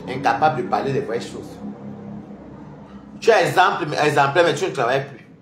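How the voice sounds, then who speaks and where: A man's voice: medium pitch, animated, a little fast, noisy background. A man, a social media commentator delivering a heated, taunting and combative rant. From Cameroon. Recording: roomy echoey room.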